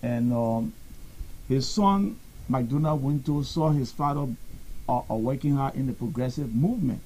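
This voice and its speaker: A man, a panel guest speaking for his party in a deliberate way. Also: medium pitch, warm tone, breathy edge, poor audio. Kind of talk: answering on a political panel.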